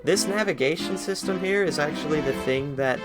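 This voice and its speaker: A man's voice: on the high side, a little fast, over loud music. A young man streaming a game, chatting casually in a rambling, self-deprecating way.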